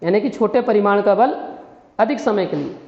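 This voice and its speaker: A man's voice: high voice, expressive, moderate pace, creaky. Man quizzing listeners in an echoey room. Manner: questioning, quizzes listeners constantly; repeats key phrases. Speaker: physics teacher. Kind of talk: classroom lecture. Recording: dull, echoey room with long reverb.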